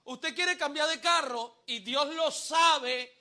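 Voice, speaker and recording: A male pastor preaching a live sermon to a congregation, having them repeat phrases back and shouting the refrains, with humorous asides and sudden swings from hushed to loud. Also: very high-pitched, slow. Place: church service before a congregation.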